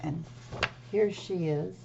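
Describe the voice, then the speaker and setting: A woman reading a picture-book trickster tale aloud for children in a measured storytelling manner, pausing to show pictures and ask questions. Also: fairly low pitch, creaky, highs cut off, background noise.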